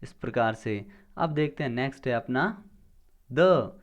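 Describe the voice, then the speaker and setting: A man walks through exam grammar one step at a time, asking himself questions, answering them, and pronouncing words slowly. His voice is mid-range and expressive.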